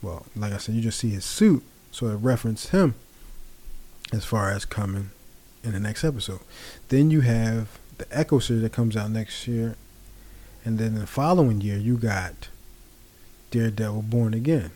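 Male vlogger with a warm, mellow voice and relaxed, rambling delivery. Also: lowish voice, normal speed. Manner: rambling, relaxed, many fillers. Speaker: pop culture vlogger. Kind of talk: casual commentary.

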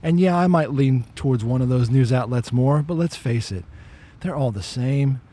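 A man's voice: mid-range voice, moderate pace, warm tone, breathy edge. A man hosting a casual walk-and-talk podcast outdoors, talking in an opinionated, conversational way and often repeating words as he restarts. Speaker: podcast host.

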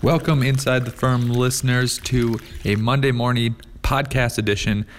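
A man hosting a podcast and asking interview questions in a relaxed, somewhat hesitant way. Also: medium pitch, moderate pace, a little hiss or hum. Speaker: podcast host. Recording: dry, phone-like line.

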